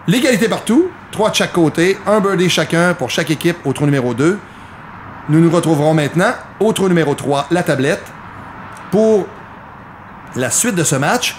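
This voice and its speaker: A man's voice: fairly high pitch, animated, moderate pace, a little hiss or hum. A man with a Quebec French accent giving live golf commentary on a mini-golf match, explaining the play to viewers.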